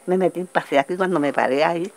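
Gravelly older Colombian coastal woman. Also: fairly low pitch. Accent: Colombian Caribbean coast. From Colombia, Magdalena region. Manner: halting, restarting storytelling that acts out quoted voices. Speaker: interviewee, witness. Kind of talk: oral testimony.

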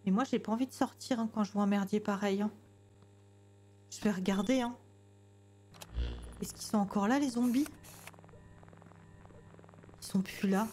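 A woman's voice: medium pitch, normal speed, long pauses, mellow, slight background noise. A woman streamer giving jumpy, chatty commentary on a horror game, talking to herself and greeting customers politely. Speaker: gamer streamer.

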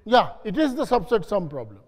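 A man's voice: high-pitched, big pitch swings, fairly quick. A man giving a classroom lecture, repeating key phrases and quizzing his audience. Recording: long hall reverb.

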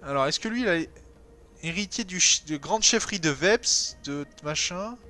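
Brief: male gamer, slightly high voice, casual let's-play chatter, hesitant, then bursts of excitement, soft music underneath. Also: normal speed. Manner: thinks aloud, hesitant fillers, sudden excited bursts. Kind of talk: casual strategy game commentary.

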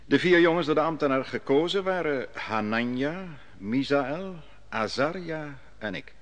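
Playing the narrating prophet in an old 1950s Dutch radio play, a man speaks with a fairly high, animated voice. He is a grown exile solemnly describing his youth at a foreign king's court, with a measured and solemn storytelling style.

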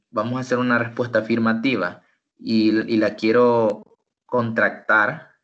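A man tutoring English online, slowly explaining and drilling example phrases. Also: medium pitch, fairly bright tone. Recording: dull lo-fi online call audio.

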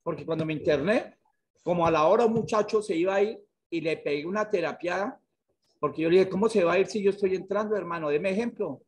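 A man's voice: high voice, fast, breathy edge. A middle-aged man from Colombia giving a frank, earnest personal testimony on a video call. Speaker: director of a therapeutic community. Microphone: video call webcam.

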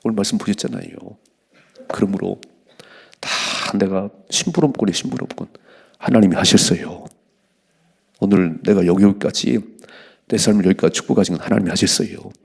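An older man in his sixties, a pastor giving an early morning sermon, animated and acting out voices, often dropping to a whisper. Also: sits low, moderate pace, long pauses. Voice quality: gravelly, husky. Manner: animated preaching, acts out voices, drops to whispers.

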